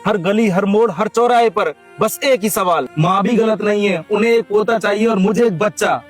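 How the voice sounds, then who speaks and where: A troubled young village husband, torn and earnest, speaks in a fairly high voice, played by a male actor. His lines sit over a soft music bed in a short drama. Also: moderate pace.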